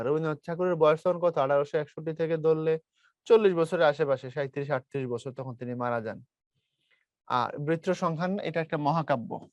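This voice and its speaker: A man's voice: a little high, no echo. A man teaching an online class in a chatty way, asking questions and answering them himself. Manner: chatty, acts out comic quotes, asks and answers own questions.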